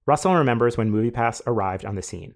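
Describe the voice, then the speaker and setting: A man hosting a podcast, reading a measured, scripted narration that explains a business story. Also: mid-range voice, lively intonation. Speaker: podcast host.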